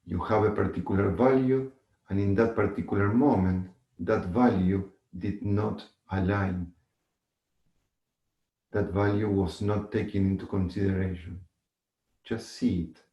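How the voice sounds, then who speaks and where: Slow, low-voiced man guiding a meditation. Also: fairly even intonation, muffled recording. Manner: measured, instructive, with long pauses and gentle repetition. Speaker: meditation teacher. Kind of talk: guided meditation. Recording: echoey room.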